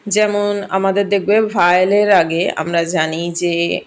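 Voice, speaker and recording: A woman's voice: fairly low pitch, flat delivery, a little slow. A young woman, teaching a grammar lesson to schoolchildren and explaining it step by step. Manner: explains step by step, often saying "dekho".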